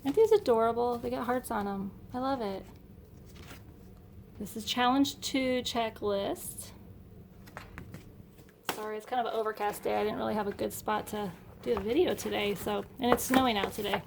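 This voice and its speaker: A middle-aged homeschool vlogger narrates a casual unboxing in a room at home, sounding chatty, upbeat and enthusiastic. Her voice sits a little high, moves at normal speed with vocal fry and frequent pauses, and there's background noise.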